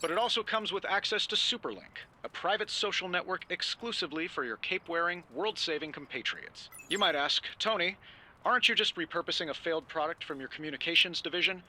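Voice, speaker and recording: An actor playing a witty, self-assured superhero inventor in a game, delivering a glib pre-recorded hologram message like a product pitch. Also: male voice, expressive, fairly quick, pushed and bright, heavily acted. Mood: breezy, self-satisfied.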